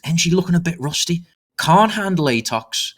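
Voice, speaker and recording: A man doing fast live play-by-play commentary on an online soccer match, jumping up in excitement at goals and a little out of breath. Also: on the high side. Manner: excitable, rapid, rises sharply on goals. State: slightly out of breath. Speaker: esports commentator.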